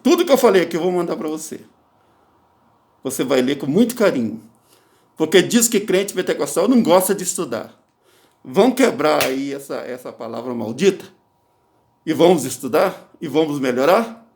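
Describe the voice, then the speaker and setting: A man's voice: on the high side, animated, moderate pace, pauses often, darkish tone. A Brazilian man teaching as a pastor on a livestream, exhorting listeners with frequent check-in questions, his voice slightly muffled by a face mask. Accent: Brazilian Portuguese. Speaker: pastor teaching a course for church leaders. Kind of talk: informal sermon-like teaching on a livestream. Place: his office, indoors.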